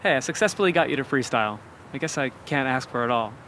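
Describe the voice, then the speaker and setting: A man asking quick, upbeat rapid-fire questions as an interviewer. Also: medium pitch, animated, sharp tone, slight background noise.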